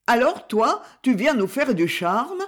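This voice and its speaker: Lively outspoken woman, read by a woman, higher, bright, emphatic delivery. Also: measured pace. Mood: cheerful. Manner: cheerful, emphatic.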